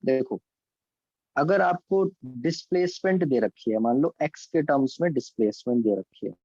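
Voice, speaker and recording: A man's voice: mid-range voice, moderate pace, a little mellow, no room sound, dull audio. Indian man teaching maths online. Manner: explains step by step, checks in with students by name; mixes English terms into Hindi. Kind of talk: online class lesson.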